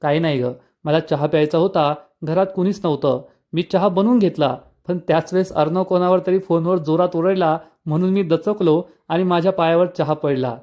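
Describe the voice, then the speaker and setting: A man voicing a gentle, soft-spoken older father who explains mildly. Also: a little high, normal speed, hardly any pauses, close to an everyday voice.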